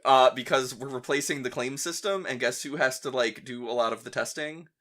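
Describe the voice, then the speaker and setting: A man's voice: mid-range voice, fairly quick, fairly bright tone. A young adult man hosting a casual podcast chat, talkative and swearing freely. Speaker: podcast host.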